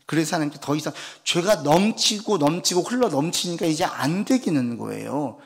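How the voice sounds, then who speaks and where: A man preaching a weekday sermon as a pastor, moving between animated, acted-out lines and a soft, quiet plea to pray. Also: on the high side, moderate pace, vocal fry. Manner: animated preaching, acts out God's and parents' lines; drops to soft, quiet delivery when urging prayer. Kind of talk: Wednesday sermon, Bible exposition.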